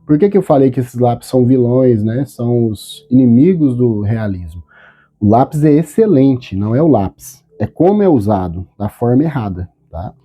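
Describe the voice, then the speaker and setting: A man teaching a step-by-step drawing tutorial, calm and patient, often checking in with short questions. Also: medium pitch, normal speed, husky, faint music behind.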